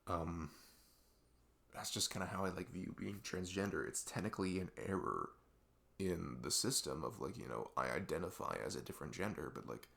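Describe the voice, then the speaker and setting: This intimate ASMR deep talk, unscripted-sounding, has a young man playing an earnest best friend confiding late at night. Musing and earnest, he rambles with halts and reflection, leaning on "like" and "you know". His voice is gravelly and a bit bright.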